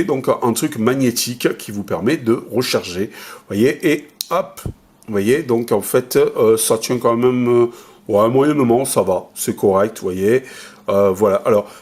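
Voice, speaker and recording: A man giving a casual unboxing review of a smartwatch, rambling with many fillers and self-corrections while handling the product. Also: medium pitch. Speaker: tech reviewer.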